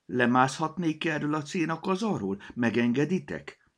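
A man's voice: a little high, big pitch swings, fairly bright tone, voice pushed up. A man voicing a polite but firm young girl in a storybook reading.

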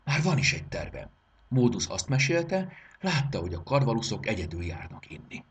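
A man voicing an eager, easily startled young boy in a storybook reading, with a husky voice. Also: fairly low pitch, very animated, distant mic, voice pushed up, full character voice.

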